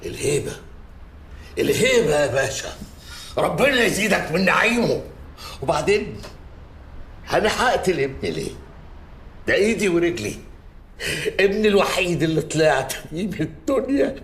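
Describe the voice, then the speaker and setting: A man's voice: a little high, normal speed, pauses often, slight background noise. An actor playing a shifty father, talking in a wheedling manner with an Egyptian accent. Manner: wheedling, animated. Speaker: father accused by police. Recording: echoey room.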